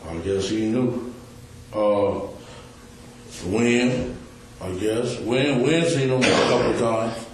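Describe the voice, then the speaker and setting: A man in a recorded police interrogation, telling his story with profane street slang and lively retelling. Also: mid-range voice, slow pace, pauses often, noisy background. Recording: echoey room on a distant recorder.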